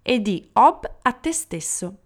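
A woman's voice: mid-range voice, sing-song, slow. A woman voicing a stern, knowing male genie of the deserts in a storybook reading.

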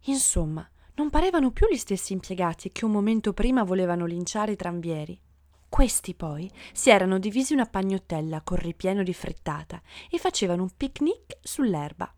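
A woman reading a children's story aloud in an expressive storybook manner. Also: fairly quick, no room sound, clean studio sound. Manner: lively, voices the passengers' shouts with big jumps in pitch.

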